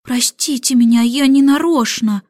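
A woman doing a young boy, wheedling and high. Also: moderate pace, darkish tone, no room sound, clean studio sound. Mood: pleading. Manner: wheedling, then pleading. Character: young boy, mischievous and pleading.

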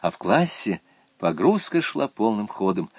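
A man reading a children's story aloud in an animated, expressive way. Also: on the low side, unhurried, breathy edge, no room sound.

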